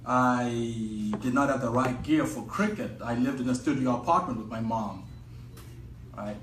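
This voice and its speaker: A man's voice: medium pitch, a bit bright. Zimbabwean man telling a story on stage. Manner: measured, reflective, pausing often. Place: event venue with an audience. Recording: echoey room, distant mic, faint noise.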